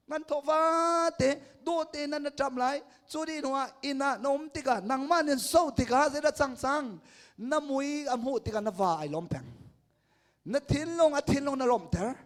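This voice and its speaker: Male pastor preaching a sermon, really high voice, goes loud then hushed.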